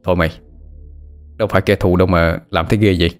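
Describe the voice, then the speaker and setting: A man voicing a calm young man who talks in a reassuring, level-headed way. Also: deep voice, fast talker, faint music behind, natural voice.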